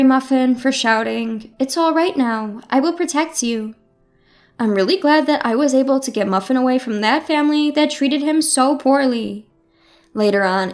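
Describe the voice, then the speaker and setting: A woman narrating a personal drama story in an expressive, dramatic manner. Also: high voice.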